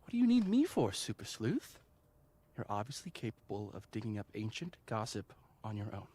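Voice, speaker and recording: A man's voice: fairly low pitch, wildly swooping pitch, moderate pace, dark tone, slightly rough, heavily acted. An actor playing a flirty, theatrical male university office assistant in a video game, teasing and sarcastic.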